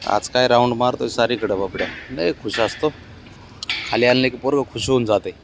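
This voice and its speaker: A man outdoors coaxes his cat along in fond baby talk, gently scolding it now and then. His voice sits at an ordinary middle pitch. A faint hum of outdoor ambience stays behind him. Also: normal speed. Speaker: vlogger walking his pet cat. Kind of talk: casual talk to a pet. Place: outdoors, in sun and shade.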